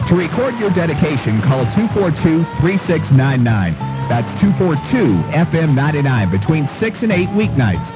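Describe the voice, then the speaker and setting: A man's voice: on the high side, big pitch swings, moderate pace, rough recording. A man hosting a love songs show, reading a scripted radio promo. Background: music.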